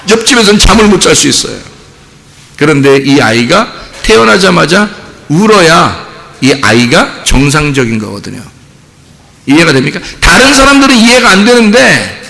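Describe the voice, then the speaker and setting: Animated male pastor in reverberant church. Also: high voice, gravelly. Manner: animated, acts out voices of parents and doubters. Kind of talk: sermon. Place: church sanctuary. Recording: long church hall reverb.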